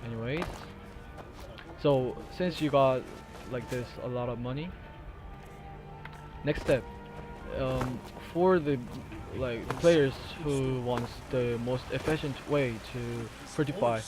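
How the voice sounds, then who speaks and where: With a medium-pitched voice and a Korean accent, a man from Korea walks through a video game glitch for a tutorial. His English is halting, with searches for words, fillers, restarts and occasional laughs, and game music and sounds play in the background.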